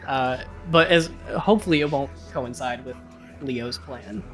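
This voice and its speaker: A man running a tabletop game as game master, explaining rules in a relaxed way with many fillers. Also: medium pitch, unhurried, soft background music. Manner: relaxed, filler-heavy rulings.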